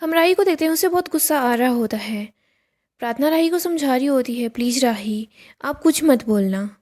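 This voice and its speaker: A woman reading a scripted recap of a TV serial, telling the scenes and reading the characters' lines aloud in an even storytelling tone. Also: high-pitched, normal speed.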